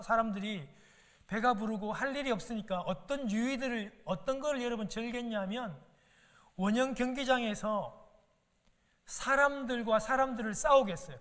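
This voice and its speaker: A man's voice: very high-pitched, a bit bright. A male pastor preaching a sermon in a church, emphatic, repeating words and asking rhetorical questions. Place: church sanctuary. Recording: long reverb of a church hall.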